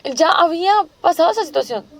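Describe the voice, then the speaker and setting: A woman's voice: very high voice, animated, fast talker, gravelly. A woman preaching a sermon, asking rhetorical questions and restating each point several times. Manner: asks the listeners rhetorical questions.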